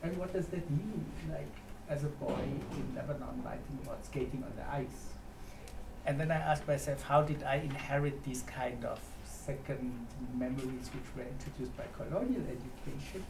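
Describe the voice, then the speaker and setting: A German man facilitates a live writing workshop, giving an informal, reflective introduction and haltingly posing questions to the group at medium pitch. The echoey room, distant mic, and clear background noise are all audible.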